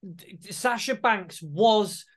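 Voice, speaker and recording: High-voiced man, chatty and hesitant. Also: slow pace, breathy edge. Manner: chatty, hesitant, swears casually. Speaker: podcast co-host. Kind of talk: casual chat.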